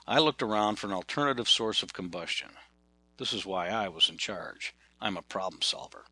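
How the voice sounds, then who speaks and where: A man's voice: on the low side, pushed and bright, dry recording. A man narrating a personal story in a dry, wry manner. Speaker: memoir narrator.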